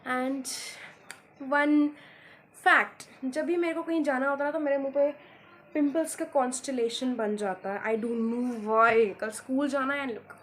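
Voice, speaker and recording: Chatty high-voiced teen girl vlogging. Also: measured pace, fairly bright tone, slight background noise. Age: teens. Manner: chatty, self-mocking, mixes English into Hindi. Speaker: student vlogger. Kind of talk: casual Hinglish vlog chat. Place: outdoors on a morning walk, later at home.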